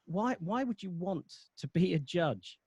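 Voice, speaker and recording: A man's voice: sits high, lively intonation, unhurried, a little mellow, husky, dry recording, muffled recording. A man hosting a roundtable over a video call, chatty, with many fillers and restarts. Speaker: host. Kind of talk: casual chat.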